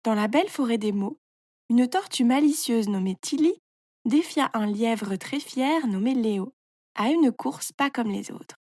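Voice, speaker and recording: A woman narrating a scripted children's story in a clear, measured storytelling manner. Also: on the high side, animated, mellow, dry recording.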